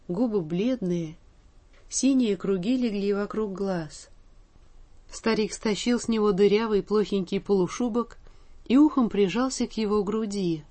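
A woman reads a story aloud as an audiobook narrator. Her delivery is measured and even, at a middling pitch.

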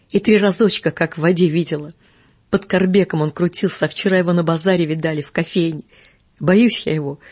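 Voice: mid-range voice, a little mellow, husky, dry recording, close to an everyday voice. A reader voicing an old woman teacher who shrieks curses and accusations at a neighbor. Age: older. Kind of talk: audiobook character reading.

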